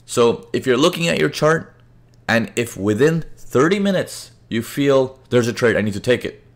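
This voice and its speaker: A man's voice: mid-range voice, expressive, moderate pace. A man presenting a live trading webinar, explaining charts conversationally and often checking in with his audience. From Indian parents, raised in several countries. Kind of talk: live webinar teaching with chat questions.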